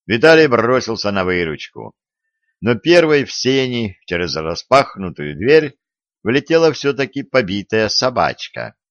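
Slow-reading male audiobook narrator. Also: mid-range voice, big pitch swings, dry recording, highs cut off.

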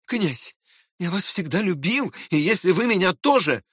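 A man's voice: high-pitched, moderate pace, breathy edge, dry recording, clean studio sound, voice pushed up, exaggerated voice. A man reading aloud and voicing a proud, hot-tempered young man who argues with indignant urgency. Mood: emotional, pleading. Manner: excited, indignant pleading.

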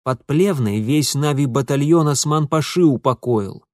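A sardonic young man trades dry jabs, voiced by a man reading an audiobook. The voice stays near the narrator's own, mid-pitched and wry. The sound is close and dry, with no room echo. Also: a little slow, darkish tone, close to an everyday voice. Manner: dry, sarcastic.

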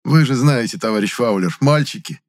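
A man's voice: mid-range voice, brisk, a little mellow, pitched above the performer's own voice, close to an everyday voice. A man voicing a strict, fussy older male pharmacist who barks curt orders. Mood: fawning. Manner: barking, curt.

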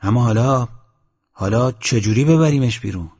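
A man's voice: medium pitch, darkish tone, breathy edge, long reverb tail. A man reading a fretful village headman. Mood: worried questioning. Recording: dull lo-fi recording.

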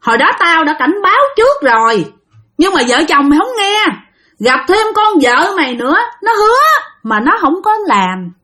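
A woman's voice: lively intonation, fast talker, pauses often, bright, forceful tone. A woman voicing the angry ghost of an old woman who scolds a couple for breaking a promise. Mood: scolding. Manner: scolding, shrill and accusing.

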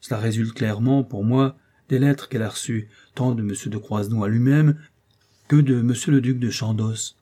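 Male reader voicing a glib, scheming doctor with feigned candor, low dark husky tone. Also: steady tone, moderate pace, close to an everyday voice. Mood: falsely earnest. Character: scheming smooth-talking older male doctor. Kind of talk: audiobook character voice.

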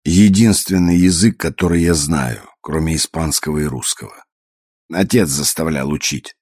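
A man reading an audiobook, voicing a gruff, sullen, bitter young man. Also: extremely low pitch, moderate pace, a little mellow, dry recording, studio quality. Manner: gruff, sullen, self-mocking. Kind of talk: audiobook character voice.

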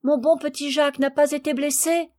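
A woman's voice: sits high, fairly even intonation, fairly quick, darkish tone, pitched above the performer's own voice, lightly acted. Woman reading as a teasing young girl. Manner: mocking, laughing.

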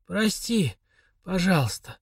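A man voicing a dying, broken father who speaks in a weak, raspy whisper. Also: sits high, very animated, slow, no echo, studio quality, voice pushed up, full character voice. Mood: weak, pleading.

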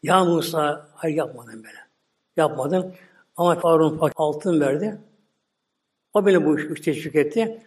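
A man's voice: on the high side, normal speed, pauses often, close to an everyday voice. A man voicing a deceitful woman who publicly accuses a prophet. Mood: frightened.

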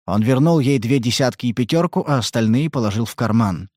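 A man's voice: mid-range voice, lively intonation, fairly quick, darkish tone, no echo. Man narrating an audiobook, dry sound. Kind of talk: scripted narration.

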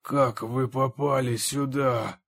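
A man reading an audiobook, voicing a terrified, paranoid middle-aged man who wheezes out slow, hoarse lines. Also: mid-range voice, steady tone, voice pushed up. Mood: frightened. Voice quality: hoarse, drawn-out.

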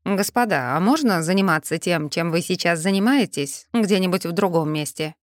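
A woman voicing a calm, composed older male magister who speaks with dry, polite irony in an audiobook. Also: lowish voice, moderate pace, dry recording, lightly acted. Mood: dryly ironic. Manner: unruffled, dryly ironic.

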